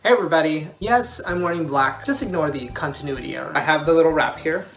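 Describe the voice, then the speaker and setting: A young man from Mexico hosting a casual cooking vlog in his home kitchen, explaining each step in a relaxed, friendly way. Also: fairly high pitch, fast talker, faint music behind. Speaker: cooking channel host.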